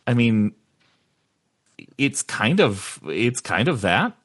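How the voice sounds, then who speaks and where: A man co-hosting a podcast in casual chat, animated and jokey. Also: medium pitch, takes it slowly. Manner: animated, jokey, does comic impressions. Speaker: podcast co-host.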